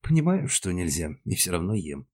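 A man's voice: deep voice, sing-song, moderate pace, darkish tone, heavily acted. A man doing a cheeky, whiny woman passenger. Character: brash, impulsive woman passenger.

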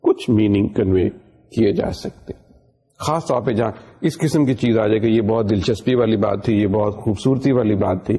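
A man's voice: on the low side, dark tone, slightly rough. A middle-aged man from Pakistan giving a university lecture, explaining patiently and slipping English phrases into his talk. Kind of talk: recorded lecture.

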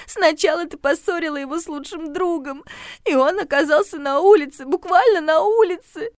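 A woman doing a shrill sobbing tipsy young woman. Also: moderate pace, no room sound, studio quality. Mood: hysterical. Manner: shrill, tearful, accusing. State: crying.

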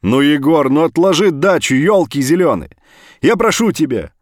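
A man voicing a desperate middle-aged father who pleads and shouts down a phone. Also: fairly high pitch, sing-song, moderate pace, no echo, clean studio sound, voice pushed up. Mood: pleading loudly.

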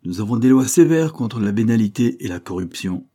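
A man reading the lines of a composed lawyer, measured and reassuring. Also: lowish voice, animated, warm tone. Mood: firm. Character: composed middle-aged male lawyer, firm and calm.

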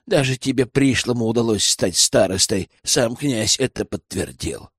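A man's voice: mid-range voice, animated, normal speed, dry recording, clean studio sound, natural voice. A man voicing a resentful, scheming village outsider in an audiobook, speaking in a sullen, bitter, self-pitying way. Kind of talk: audiobook character reading.

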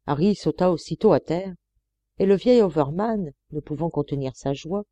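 A woman reads a classic adventure novel aloud in steady, measured storytelling. Her voice is mellow and warm, never sharp. The recording is close and dry. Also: lowish voice, no echo. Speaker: audiobook reader. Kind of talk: scripted audiobook narration.

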